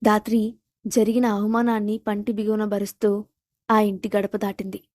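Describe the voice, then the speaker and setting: A woman narrating a scripted audio story in a steady, dramatic reading style. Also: medium pitch, normal speed, no room sound, studio quality.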